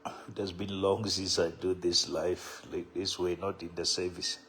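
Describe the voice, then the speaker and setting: A man with a Sotho accent casually greeting livestream viewers as a church leader, unhurried and often repeating his phrases. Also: sits low, level tone, fairly bright tone, slight background noise. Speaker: bishop, live stream host.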